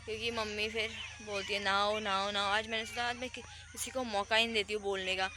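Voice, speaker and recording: Talking fast in a mid-range, steady voice, this young Indian vlogger rambles on about her day in a chatty, storytelling way. The audio comes from a phone outdoors and is noisy.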